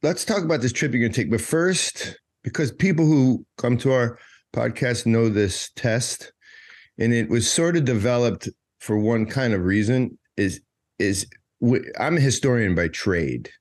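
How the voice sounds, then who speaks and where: A man hosting a podcast in casual interview chat, talking in a halting way as he thinks aloud. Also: medium pitch, darkish tone. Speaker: podcast host.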